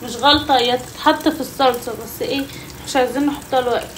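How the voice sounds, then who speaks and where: A woman's voice: high voice, fairly even intonation, quick pace, heavy background noise. A young Egyptian woman with an Egyptian Arabic accent, chatting to viewers in a casual cooking vlog from her home kitchen. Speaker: vlogger.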